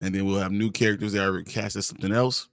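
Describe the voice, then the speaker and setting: A man's voice: fairly low pitch, fairly even intonation, quick pace, creaky, dry recording, clean studio sound. A young man co-hosting a live pop-culture show, easygoing and enthusiastic. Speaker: co-host of live nerd news show. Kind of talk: casual chat.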